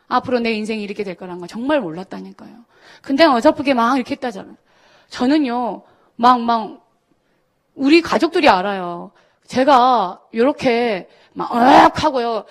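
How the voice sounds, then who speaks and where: A middle-aged woman pastor telling a personal story in a sermon to students, acting out the voices of the people she quotes. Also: fairly high pitch. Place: church service.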